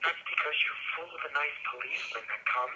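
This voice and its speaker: Inmate on a prison phone call, sarcastic guy, very bright tense voice. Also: a little high, fairly even intonation, fairly quick. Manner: teasing, sarcastic. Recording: phone line with faint noise.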